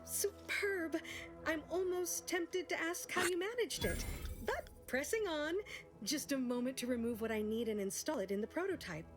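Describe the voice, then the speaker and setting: A dry, wry scientist. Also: female voice, high voice. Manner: dry, sardonic, precise. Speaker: game character.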